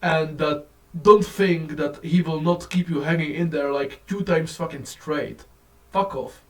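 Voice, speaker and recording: Man ranting on a low-quality phone recording. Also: far from the mic. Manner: profane, rambling, animated. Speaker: vlogger. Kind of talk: casual rant to camera.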